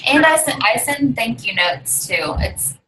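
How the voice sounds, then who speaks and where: A woman's voice: on the high side, big pitch swings, unhurried, bright, forceful tone, slight background noise, rough recording. A young woman on a video call, chatting in an upbeat way as she explains how she follows up with customers for her sales team. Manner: chatty and upbeat, walks through her routine step by step. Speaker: network marketing distributor and team leader. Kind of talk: casual video call interview.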